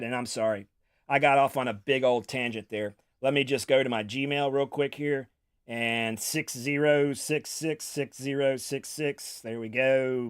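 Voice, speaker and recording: A man's voice: medium pitch, no echo, studio quality. A young man telling a story while streaming, rambling, repeating words and swearing casually. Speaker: game streamer.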